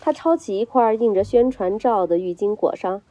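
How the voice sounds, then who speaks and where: A woman narrating a film recap in a brisk storytelling delivery, reading a script. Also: medium pitch, lively intonation, dark tone.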